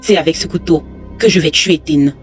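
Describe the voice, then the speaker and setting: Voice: medium pitch, normal speed, faint music behind, close to an everyday voice. A narrator voicing a furious vengeful young man. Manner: furious, defiant. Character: enraged young man bent on revenge.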